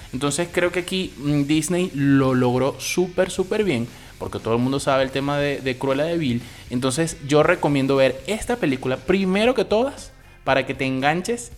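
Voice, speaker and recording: A man with a Venezuelan Spanish accent giving a loose, opinionated film review, swearing casually as he talks. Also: medium pitch.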